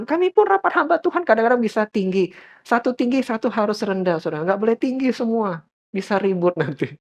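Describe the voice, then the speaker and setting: Lively man preaching a sermon. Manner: lively, rising to high emphatic peaks, addressing the congregation often. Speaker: pastor.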